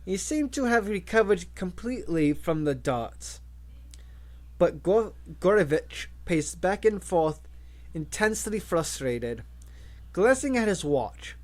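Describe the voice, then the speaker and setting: A male audiobook reader narrating a novel. His voice sits a touch high and moves expressively, with plenty of rise and fall. He reads at a slow, unhurried pace. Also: sing-song. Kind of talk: audiobook reading.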